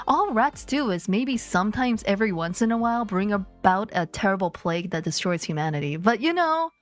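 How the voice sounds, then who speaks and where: A woman streamer chatting playfully with her viewers, rambling and joking. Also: mid-range voice. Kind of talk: casual live-stream chat.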